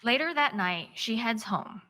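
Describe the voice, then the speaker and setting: A woman defense attorney delivers a courtroom opening statement, walking through events step by step in measured present-tense narration. Her pitch is fairly high, her intonation lively, and her tone sharp.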